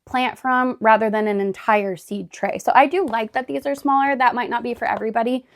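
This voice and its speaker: Indoors at home, a homestead vlogger sorts gardening totes while chatting casually, peppering her talk with "like" and "really." Her voice is a little high and steady in tone, a little fast, and still hoarse and raspy from a recent illness.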